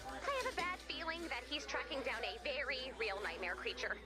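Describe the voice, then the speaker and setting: A woman voicing an adult female mission-control guide in a shooter game, giving brisk, urgent briefings. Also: high voice, sing-song, over music. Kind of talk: game dialogue.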